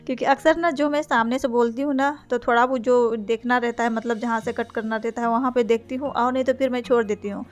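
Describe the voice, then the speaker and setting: A woman's voice: fairly high pitch, steady tone, fast, few pauses. A young woman from India narrating her daily routine vlog as a voice-over in a chatty, rambling way, stringing thoughts together with "because" and "na". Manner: chatty, rambling, repeats "kyunki" and "na"; speaks as a voice-over, not to camera. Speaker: vlogger.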